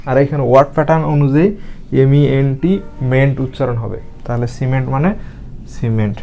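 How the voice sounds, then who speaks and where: A man teaching English reading, explaining spelling and pronunciation slowly, spelling words out letter by letter. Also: fairly high pitch, mellow.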